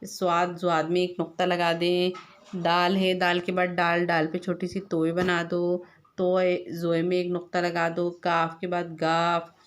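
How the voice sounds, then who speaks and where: A woman's voice: fairly low pitch, completely flat delivery, a little slow. A woman teacher patiently spelling out letters one by one for young children and quizzing them as she goes. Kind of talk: slow classroom lesson.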